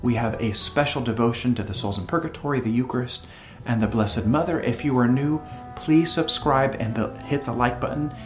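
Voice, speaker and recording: Over soft background music, an earnest man from El Salvador with a medium-pitched voice hosts devotional videos. He tells devotional stories and reads aloud in a reverent, unhurried way.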